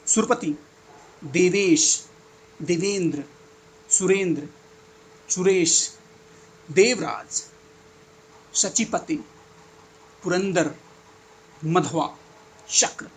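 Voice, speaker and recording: A man's voice: high voice, slight background noise. Cheerful male teacher reciting word lists. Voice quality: enthusiastic, chatty asides between listed words. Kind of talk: exam-prep lesson reading out word lists.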